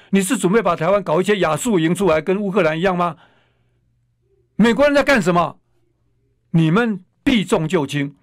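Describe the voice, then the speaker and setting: A man rants through a radio commentary, his voice riding high and swinging widely in pitch. He scolds, mocks and piles up rhetorical questions, recorded close and dry in a studio. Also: dry recording. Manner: combative, scolding, hurls insults and rhetorical questions. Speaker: radio talk show host. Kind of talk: political commentary monologue.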